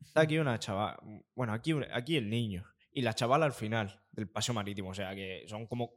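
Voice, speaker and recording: A young man from Spain, a podcast co-host telling animated stories in casual chat, with crude slang. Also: fairly low pitch, fast talker. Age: young adult. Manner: animated storytelling with acted quotes.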